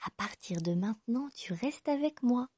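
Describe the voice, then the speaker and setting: A gentle grandmother's spirit soothes and comforts in a soft, mellow voice, as a woman reads her. The voice has a slightly husky edge in a dry, close room. It is a storybook reading. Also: on the high side, expressive, moderate pace, no room sound, pitched above the performer's own voice. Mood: soothing.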